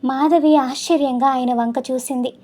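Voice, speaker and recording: A woman narrating a story in a measured, emotive way. Her voice sits high but sounds mellow and warm. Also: fairly even intonation. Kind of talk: scripted narration.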